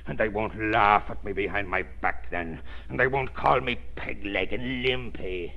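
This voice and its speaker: An actor playing a crazed, bitter mad scientist in an old-time radio thriller, ranting and gloating with theatrical menace. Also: male voice, lowish voice, measured pace, vocal fry. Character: crazed, embittered limping male mad scientist, villain. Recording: muffled, dull old radio recording.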